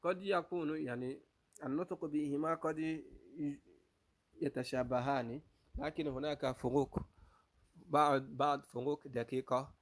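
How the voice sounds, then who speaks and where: Unhurried, with a fairly high pitch and fairly even intonation, this Arabic pronunciation teacher repeats every letter sound several times. He alternates between English and Arabic and keeps asking the class, rhetorically, if they're following.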